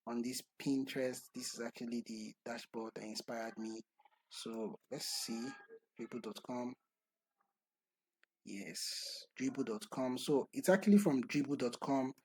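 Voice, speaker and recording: A man talking through a screen-recorded software tutorial step by step, in a methodical way. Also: mid-range voice, breathy edge, dry recording, low-quality recording. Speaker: tutorial instructor.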